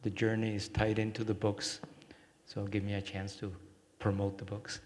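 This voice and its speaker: A man from Cuba giving a workshop talk and guiding a short meditation, speaking gently and reflectively with many pauses. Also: on the low side, completely flat delivery, a crowd in the background. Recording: long hall reverb.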